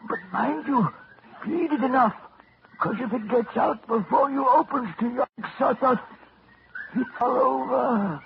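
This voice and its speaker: Dying old wizard, shrill and high, gravelly crackle, slow wheezing delivery, hissy vintage radio sound. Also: male voice, full character voice. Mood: feverish urgent. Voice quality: creaky, quavering. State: dying, weak. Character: dying old male wizard, sinister, rasping. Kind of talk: 1940s radio acting. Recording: dull old radio broadcast with hiss.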